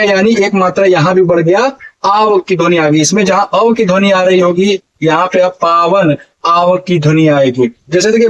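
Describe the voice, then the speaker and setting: Man, high voice, online exam-prep teacher, asks and answers his own questions, stretches out syllables. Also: highs cut off. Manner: repeats questions to the class and answers them, drawing out key syllables. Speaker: Hindi teacher.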